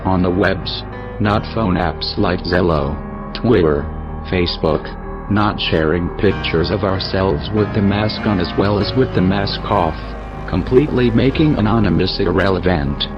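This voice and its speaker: A man's voice masked into a disguised, very deep tone, low and heavy throughout. He reads a scripted statement in a grave, steady, declaiming way. The sound is dull and lo-fi, with clear music playing behind him. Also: moderate pace.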